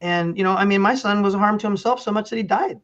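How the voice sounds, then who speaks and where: This middle-aged pastor and county official talks fast in a high, fairly bright voice while telling earnest stories as an interview guest. He keeps restarting his sentences, and the audio is lo-fi.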